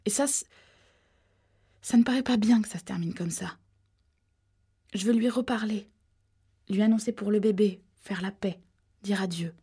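A woman's voice: mid-range voice, moderate pace, pauses often, mellow, breathy edge. A woman reading an audiobook voices a desperate young pregnant woman, pleading urgently.

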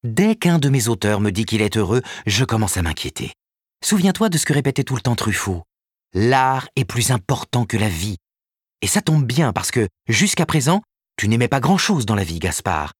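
A man voicing a sharp, probing woman literary agent in an audiobook. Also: mid-range voice, moderate pace, husky, no room sound, clean studio sound, voice pushed up. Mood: passionate. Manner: probing, exasperated, animated.

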